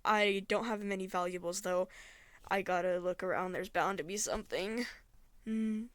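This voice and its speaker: A woman voicing a panicky, hungover young human who stammers and blurts things out loudly. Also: mid-range voice, steady tone, moderate pace, no room sound, close to an everyday voice. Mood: flustered panic. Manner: loud, flustered, stammering.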